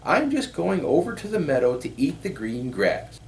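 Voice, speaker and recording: A man's voice: on the high side, very animated, moderate pace, gravelly, darkish tone, far from the mic, slight background noise, voice pushed up. A man voicing a timid but crafty young billy goat in a storybook, piping and pleading. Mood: frightened, pleading. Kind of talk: storybook character voice.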